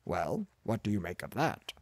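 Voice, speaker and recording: A man narrating an audiobook takes on the role of a haughty, disdainful older professor, lecturing in a condescending, blustery way. His fairly low voice has a sing-song lilt at normal speed, recorded without echo.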